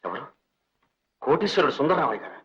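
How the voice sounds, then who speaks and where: An actor playing a grateful young doctor who speaks earnestly and respectfully, in a 1960s film. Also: male voice, medium pitch, big pitch swings, a little fast, a bit bright. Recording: muffled old film soundtrack with music.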